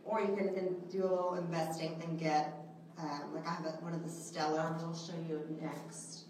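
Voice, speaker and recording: In an echoey room with a large window, a woman trainer teaches a selfie workshop live to a small group, her soft yet deep voice staying fairly flat at a normal speed. Chatty and full of okays and rights, she often puts questions to the audience. The handheld microphone picks her up from far off, with a little hiss or hum.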